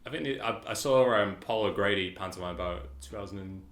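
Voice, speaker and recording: A man's voice: on the low side, quick pace. A man co-hosting a podcast in casual chat, rambling, stumbling over words and laughing often. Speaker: podcast co-host. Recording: roomy echo.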